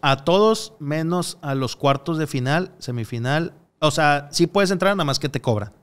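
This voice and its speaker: Smooth-voiced man telling stories. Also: a little high, animated, moderate pace. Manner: rambling storyteller, frequent hesitations and acted-out quotes. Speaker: podcast guest. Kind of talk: casual podcast conversation.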